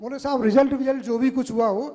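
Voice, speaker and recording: High-voiced man telling anecdotes in a hall. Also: steady tone, fast, mellow. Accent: Hindi from Madhya Pradesh. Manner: anecdotal, quotes others in dialogue. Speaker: panel speaker. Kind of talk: storytelling talk to an audience. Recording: hall reverb.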